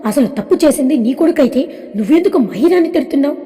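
A woman's voice: sits high, expressive, quick pace, warm tone. A woman voicing a stern young man who firmly stresses every word as he defends his fiancée. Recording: long reverb.

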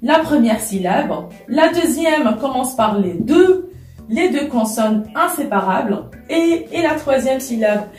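A high-voiced woman gives a slow, careful French lesson and spells out each example. She sounds a little far from the mic in an echoey room, with faint music underneath. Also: expressive. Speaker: French teacher. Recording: echoey room, voice from a distance, soft music behind.

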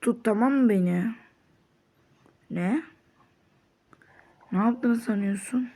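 A woman playing a sandbox game and giving its characters voices, moving between hushed threats and high panicked pleas. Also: slow pace. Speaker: game player.

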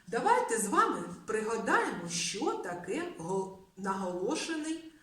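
Співуча вихователька, звучить здалеку. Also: female voice, medium pitch, sing-song, measured pace, a bit bright. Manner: sing-song, drawing out sounds for children. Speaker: preschool teacher. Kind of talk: lesson for young children. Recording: roomy, from a distance.

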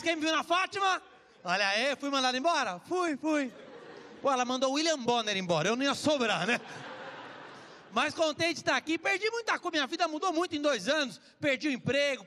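A Brazilian man doing a crude, jokey stand-up set on a comedy club stage, telling stories and switching voices fast. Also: extremely high pitch, pushed and bright, big-room sound. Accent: Brazilian Portuguese. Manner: brash, crude, jokey storytelling with quick voice switches. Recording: stage recording with crowd and room noise.

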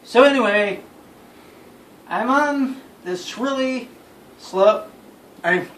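With an extremely high, slightly bright voice and a very slow delivery, a young man tells a story to friends, sounding exasperated, emphatic and repetitive. He's recorded by a phone camera across a small bedroom, so the audio is noisy, roomy and distant.

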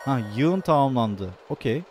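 A man's voice: mid-range voice, lively intonation, normal speed, a little mellow. Male streamer, casual let's-play chatter, reads game text aloud, faint game music underneath. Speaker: gameplay streamer.

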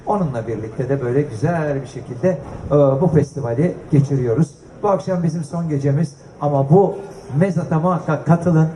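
A man's voice: on the high side, a little fast, dark tone, slight background noise. An older man chatting casually to an audience as a guest, telling jokey anecdotes. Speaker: guest speaker and collector. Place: festival stage before an audience. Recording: echoey live event sound.

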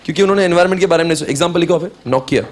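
A man teaching a classroom lecture in Hindi and English, sternly urging students to study, then reading exam questions aloud slowly. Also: on the high side.

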